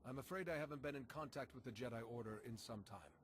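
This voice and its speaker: An actor playing a steady, earnest heroic commander in a video game, calm, polite and plainspoken. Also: male voice, mid-range voice, quick pace, slight background noise, close to an everyday voice. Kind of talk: video game cutscene acting.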